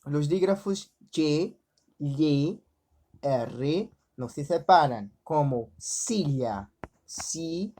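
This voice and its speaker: A woman teaching a slide-based Spanish lesson, explaining step by step, often checking in with quick questions, and saying example words slowly with stress. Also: low-pitched, lively intonation, mellow, a little hiss or hum. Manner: explanatory, frequently checks in with "certo?" and "ok?".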